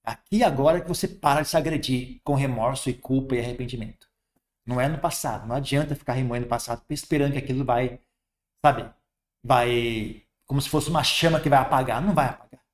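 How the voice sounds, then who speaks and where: A man's voice: mid-range voice, fast. A man with a Brazilian Portuguese accent, a Buddhist monk giving a conversational dharma talk, often tagging "sabe?" and "né?".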